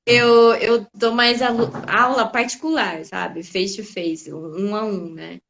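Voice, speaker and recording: A woman from Brazil, an English teacher hosting a casual conversation, chatty and lively. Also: mid-range voice, slow pace, gravelly, crowd noise. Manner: chatty and lively, frequent "sabe?".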